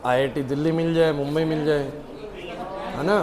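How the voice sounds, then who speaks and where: High-voiced scolding classroom teacher man. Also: fairly even intonation, moderate pace, crowd noise. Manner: scolding, urging students on. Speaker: chemistry teacher.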